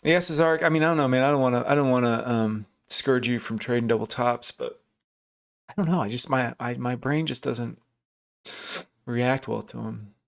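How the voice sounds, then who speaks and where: A man's voice: medium pitch, normal speed, gravelly. A man commenting casually on a live trading stream, thinking aloud and answering chat viewers. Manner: thinking aloud, chatty, restarts, reads out chat names. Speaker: livestream day trader.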